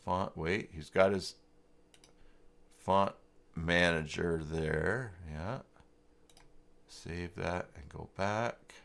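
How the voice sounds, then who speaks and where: This live stream host shows off website software in a casual screen-share, thinking aloud and muttering hesitantly while he searches. His deep, gravelly voice moves very slowly with long pauses, though its tone is fairly bright.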